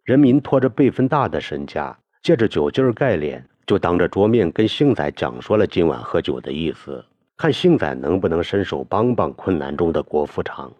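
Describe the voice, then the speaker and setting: A man narrating a novel as an audiobook, in an expressive storytelling manner. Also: sits low, moderate pace, dry recording, muffled recording.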